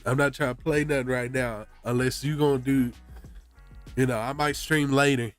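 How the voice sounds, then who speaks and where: A man with a mid-pitched, congested voice chats to his stream viewers while sick. His talk is casual and slangy, peppered with "bro", and faint music plays behind him. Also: fairly even intonation, moderate pace. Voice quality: congested, stuffy nose. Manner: slangy, often says "bro". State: sick with a blocked nose. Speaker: game streamer.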